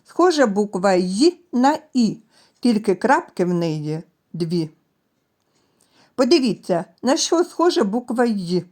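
Slow, mellow-voiced woman teacher. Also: medium pitch, very animated. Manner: gentle, addresses children directly, stretches sounds. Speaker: preschool teacher. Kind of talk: slow, clearly articulated literacy lesson for children.

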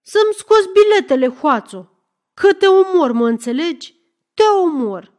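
A woman voicing a hot-tempered middle-aged male clerk who shouts and threatens in an audiobook story. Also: on the high side, sing-song. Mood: furious.

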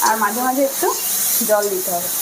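A cooking vlogger chats casually with her viewers while making food in her home kitchen. Her voice is medium-pitched and brisk, with kitchen clatter and other noise in the background.

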